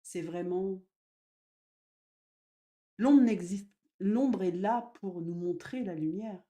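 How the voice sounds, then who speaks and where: A woman medium giving a spiritual live talk, gentle and slow, with sudden loud emphasis and soft drops. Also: medium pitch.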